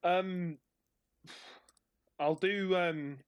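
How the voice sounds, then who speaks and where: A man with a fairly high voice and a Northumbrian accent. He co-hosts a podcast in loose, casual banter. His manner is jokey and self-deprecating, with plenty of swearing. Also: fairly even intonation, drawn-out words, smooth. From Northumberland, England. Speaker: podcast co-host.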